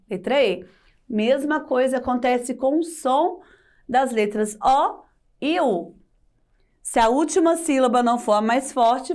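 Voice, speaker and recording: A Brazilian woman teaching Portuguese in a video lesson for children, explaining slowly and patiently and checking in with rhetorical questions. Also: high voice, a little mellow.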